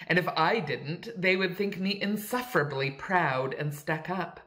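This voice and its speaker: A woman's voice: on the low side, unhurried, a bit bright. A woman reading aloud, voicing a bold, slangy young woman in a raised, emphatic voice. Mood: teasing.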